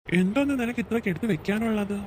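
A woman's voice: mid-range voice, animated, very fast, background noise, lightly acted. Woman doing a lazy cartoon husband. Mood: dismissive. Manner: dismissive, casual. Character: lazy offhand young husband and father. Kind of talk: cartoon voice acting.

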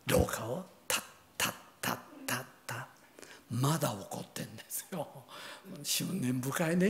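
An older man, a pastor, preaching a sermon by telling a personal story in an animated way, with sound words and chuckles. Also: mid-range voice, gravelly.

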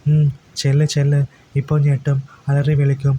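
A man voicing a cheeky younger brother playing innocent, in a flat delivery. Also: a little high, moderate pace, slight background noise, lightly acted, poor audio.

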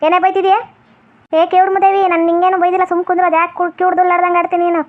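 A woman voicing a deaf, cranky old grandmother who scolds fast and holds to strict customs, in a comedy skit. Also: level tone. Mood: scolding. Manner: scolding, shrill and quick. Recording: tinny phone-like sound.

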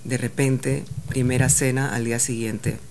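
A woman, a journalist guest, telling stories in a casual, animated way. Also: extremely low pitch, measured pace, a little hiss or hum. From Panama. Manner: animated, acts out others' lines in shifting voices. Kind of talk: casual storytelling.

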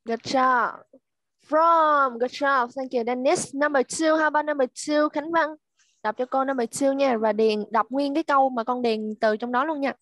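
A woman teaching children English online, slowly repeating words to drill pronunciation. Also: high voice, a bit bright, no room sound. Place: at home.

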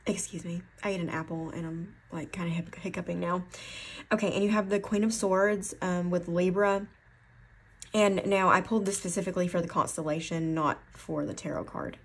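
Low-voiced Appalachian woman reading tarot. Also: fairly even intonation, moderate pace, breathy edge. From Appalachian foothills, USA. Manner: rambling, self-correcting, thinking aloud. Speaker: tarot reader. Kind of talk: casual tarot card reading.

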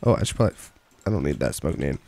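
A young man streaming a video game live, chatting casually, reading chat aloud and breaking into excited outbursts while he plays. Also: very deep voice, very fast, dry recording.

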